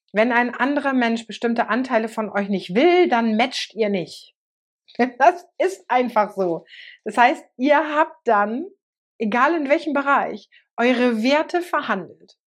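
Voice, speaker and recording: A woman giving a lively, colloquial motivational talk as a coach, often repeating words for emphasis. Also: on the high side. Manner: lively, acts out quoted voices.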